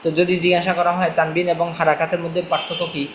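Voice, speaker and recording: A man's voice: fairly high pitch, flat delivery, fast talker, a little hiss or hum. A male teacher giving a recorded reading lesson, patiently chanting letter drills line by line. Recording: echoey room, faint ambience.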